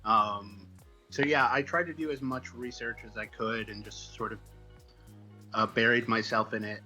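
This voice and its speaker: Speaking at a moderate pace, this American man from the Midwest, a comic book writer being interviewed, tells loose, hesitant, rambling stories. His voice is on the low side and fairly even, but pushed and bright. Soft music runs underneath, and the recording quality is low.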